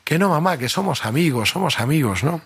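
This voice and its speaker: A man's voice: fairly high pitch, a little fast, vocal fry, husky, voice pushed up, exaggerated voice. A man voicing a naive, eager teenage boy who gushes over gifts. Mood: excited, gushing. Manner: excited, gushing, insistent.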